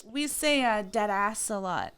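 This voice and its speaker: A woman's voice: mid-range voice, animated, unhurried, a bit bright. A woman with a western Canadian accent, chatting casually and bluntly, joking with plenty of crude slang. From Calgary, Canada.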